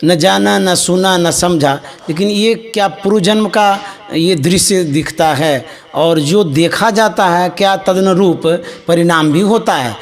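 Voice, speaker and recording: A man hosting a spiritual question-and-answer show, reading out viewers' questions. He paraphrases the replies and keeps up soft affirmations. His voice sits a little above the usual male range. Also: high voice, slow, hardly any pauses. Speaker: host presenting viewers' questions.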